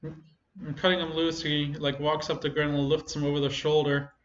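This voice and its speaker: A man runs a tabletop game, narrating casually and haltingly as he improvises. His voice is fairly flat in pitch and comes from an echoey room. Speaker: game master. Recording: echoey room, slightly muffled, faint noise.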